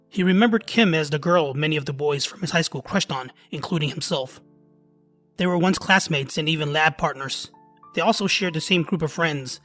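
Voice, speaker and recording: A man narrating a love story in a steady storytelling way. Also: on the high side.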